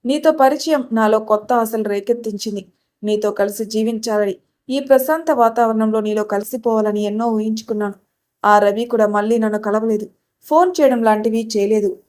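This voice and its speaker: A woman's voice: on the high side, moderate pace, a little mellow, natural voice. A woman voicing a frightened young bride-to-be who pleads through her story. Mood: fearful.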